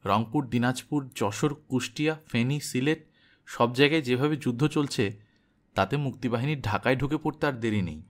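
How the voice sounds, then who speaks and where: A man voicing a calm middle-aged husband who speaks with steady assurance. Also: medium pitch, normal speed, close to an everyday voice. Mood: assured.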